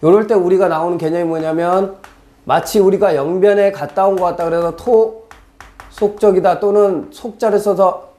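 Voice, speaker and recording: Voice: medium pitch, fairly even intonation, normal speed, warm tone. A teacher giving a recorded exam-prep lecture, acting out quoted lines and asking the class rhetorical questions.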